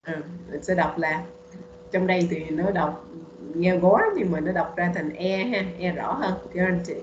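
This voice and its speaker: Patient woman tutor, low voice, roomy muffled call line. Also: normal speed, slight background noise. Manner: patient, repeats words for drilling. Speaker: English teacher. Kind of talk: online bilingual English lesson.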